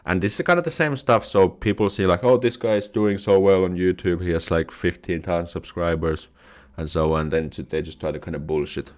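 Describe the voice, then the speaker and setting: This YouTube host is a young man from Finland whose deep voice carries a Finnish accent. He talks briskly with few pauses while chatting on his live stream, reading out comments, laughing things off, and frequently restarting words.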